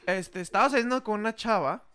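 A man's voice: sits high, brisk, very noisy. A man with a Mexican accent, telling a personal story in a casual chat, joking and swearing freely. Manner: animated, joking, swears freely, mimics others in voices.

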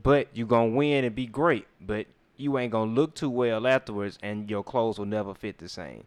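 Solemn mystical old wizard, as a man puts him on, low voice, deadpan. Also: moderate pace, no echo, close to an everyday voice.

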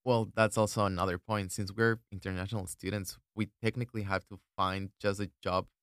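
A man's voice: lowish voice, flat delivery, fairly quick, a bit bright, dry recording, clean studio sound. A young man, chatting in a laid-back, thoughtful way as a student guest. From Ecuador. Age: 20s. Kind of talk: casual chat.

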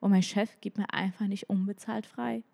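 A woman's voice: mid-range voice, moderate pace, gravelly. A woman co-hosting a casual chat, retelling a conversation and quoting what was said. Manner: animated storyteller, quotes others. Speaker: podcast co-host.

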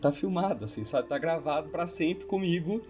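Animated storytelling man, music behind. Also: a little high, moderate pace. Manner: animated, acts out the voices he quotes. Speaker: hypnotherapist guest. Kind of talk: casual podcast storytelling.

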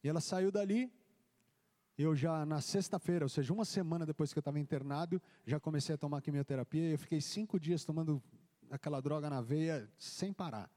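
This pastor's voice sits on the high side and moves a little fast while he recounts his testimony to a church congregation. He brings the story alive by acting out each exchange of dialogue. The hall adds a long, echoing reverb.

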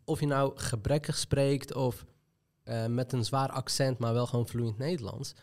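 A man's voice: mid-range voice, fairly even intonation, moderate pace, a little mellow. A man with an Amsterdam Nieuw-West accent, talking earnestly and reflectively in a casual discussion. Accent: Amsterdam Nieuw-West street accent. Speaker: panel guest. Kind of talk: casual chat.

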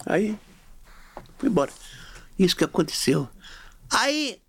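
A man's voice: sits high, sing-song, takes it slowly, breathy edge. A middle-aged man telling a long anecdote in casual podcast talk, acting out the dialogue with shifting voices. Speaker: podcast guest. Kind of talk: casual storytelling.

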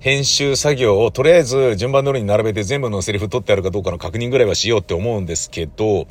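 A middle-aged man, an audio drama producer and recordist, talks quickly in a lowish voice during a casual, rambling solo chat. Blunt, slangy and self-deprecating, he acts out his own reactions as he tells stories.

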